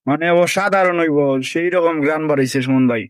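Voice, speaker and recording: A man's voice: on the high side, a little fast, no echo. A man, casually commenting to viewers as a friend cooks, teasing and laughing often. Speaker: vlogger filming a friend cooking.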